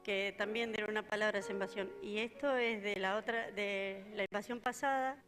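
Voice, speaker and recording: A woman's voice: medium pitch, fairly even intonation, brisk. An older woman with an Argentine accent giving a plain, hesitant testimony at a church service. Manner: plain, hesitant storytelling with fillers. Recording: faint music behind.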